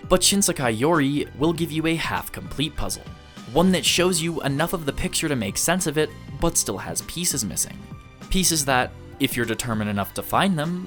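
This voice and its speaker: A man hosts a video essay, addressing viewers in a review style with a voice that is a little high and a bit bright. His narration is scripted, with occasional casual asides.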